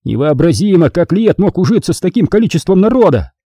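A man's voice: high-pitched, very animated, quick pace, warm tone, husky, dry recording, clean studio sound, voice pushed up, heavily acted. A man reading the part of an impatient, irritable male official in an audiobook, complaining. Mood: irritated.

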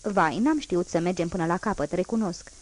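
A woman's voice: fairly low pitch, lightly acted. A proud, unbending old revolutionary man, as a woman reader puts him on in a storybook reading. He declaims each point firmly and with emphasis, never giving ground. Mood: unyielding. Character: fierce old male revolutionary, unyielding and proud.

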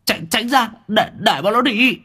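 Scared young thug, high, stammering, begging, a man voicing him. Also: a little slow, bright, forceful tone, husky, heavily acted. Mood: blustering. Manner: stammering, pleading.

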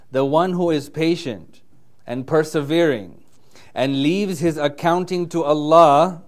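A man's voice: on the high side, darkish tone. A man giving a religious lecture in English, who recites passages fluently in Arabic and often checks in with "yeah?" and "right?". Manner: earnest, emphatic delivery. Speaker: preacher.

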